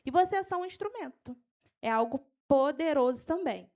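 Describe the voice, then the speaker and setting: A high-pitched woman teaches evangelism to a church group. She speaks with fervent energy, pushing her voice upward when she gets excited, then slowing down deliberately so listeners can note down verses. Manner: animated, gets carried away, then slows down to dictate verses. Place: church hall.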